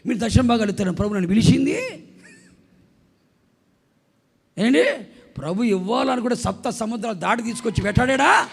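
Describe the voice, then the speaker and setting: A middle-aged male pastor preaching a fiery sermon, forceful and often shouting emphatic phrases. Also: very high voice, lively intonation, fast talker, creaky, slightly rough.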